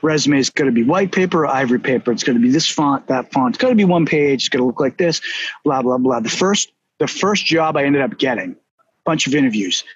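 A man with a Boston accent hosting a casual business chat, telling stories in an animated, emphatic way. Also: mid-range voice, brisk, breathy edge, no room sound. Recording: dull, slightly lo-fi.

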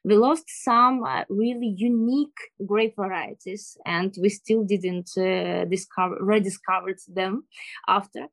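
Ukrainian woman explaining stuff in careful english, kinda halting, hunting for words, pretty dry close sound. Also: medium pitch, dry recording. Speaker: interview guest. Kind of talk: explanatory interview talk.

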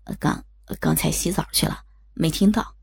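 A woman voicing a sly, gruff old father-in-law with a husky, creaky, breathy voice, muttering evasively in an audio story. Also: low-pitched, moderate pace, voice pushed down, full character voice. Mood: evasive, hesitant.

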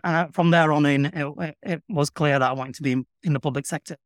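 A man's voice: on the high side, fairly even intonation, quick pace, dry recording, studio quality. Man with a broad Yorkshire accent. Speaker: interview guest, public sector communications professional. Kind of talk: reflective conversational interview.

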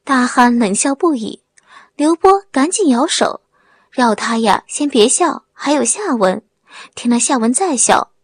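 A woman with a husky voice narrating a web novel audiobook with expressive storytelling. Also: fairly high pitch, a little slow, no echo.

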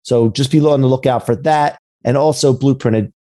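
A man's voice: medium pitch, fairly even intonation, normal speed, dark tone. A man hosting a business podcast in a conversational, motivational entrepreneur style full of buzzwords, recorded over a video call. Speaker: podcast host.

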